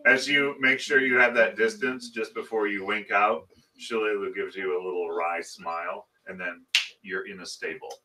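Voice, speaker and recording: A man narrating a live tabletop game as game master, in halting, conversational storytelling mixed with banter. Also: fairly low pitch, steady tone, bright, forceful tone, far from the mic, a little hiss or hum, low-quality recording.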